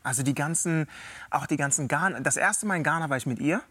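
A man's voice: a little high, fast, sharp tone, husky, no echo. A man from Germany, a studio guest, telling a story in casual chat with many fillers and restarts.

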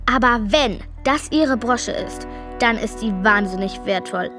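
A woman playing an excitable, earnest young girl with a know-it-all streak in a children's radio play. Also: fairly high pitch, unhurried, faint music behind. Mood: excited, insistent.

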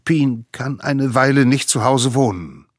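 A man voicing a mother breaking news gently to her sons, coaxing and soft. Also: mid-range voice, a little slow, slightly rough, dry recording, clean studio sound, voice pushed up. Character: warm firm mother speaking to her sons.

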